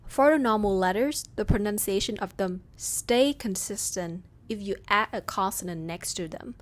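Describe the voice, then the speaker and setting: A woman with a Southern Vietnamese accent teaching pronunciation in a scripted lesson, reading sounds out slowly one by one. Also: mid-range voice. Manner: slow, careful, reads sounds out one by one. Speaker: language teacher.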